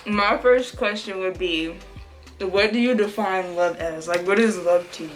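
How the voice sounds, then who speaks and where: A woman's voice: medium pitch, measured pace, soft background music. A woman co-hosting a casual mukbang chat, giggly and chatty, asking the questions. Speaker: co-host of a mukbang channel. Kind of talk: casual chat while eating.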